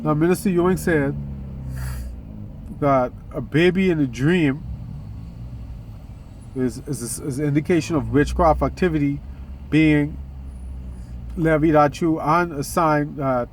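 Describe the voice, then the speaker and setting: A man's voice: fairly high pitch, unhurried, long pauses, slight background noise. A man hosting a casual spiritual vlog, talking in a rambling way with many restarts and occasional yawns. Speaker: vlog host.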